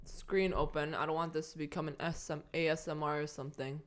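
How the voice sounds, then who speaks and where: A woman's voice: low voice, steady tone, brisk, slight background noise. A young woman chatting casually on a live stream, meandering and talking to herself while she eats breakfast at her desk.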